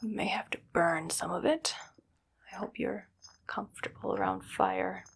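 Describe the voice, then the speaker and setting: Whispering with a breathy, creaky quality, a woman acts as a cranky, threatening evil scientist for ASMR, issuing bossy commands and flat, deadpan threats. Her mid-range voice is unhurried, and she comes across as businesslike yet ominous.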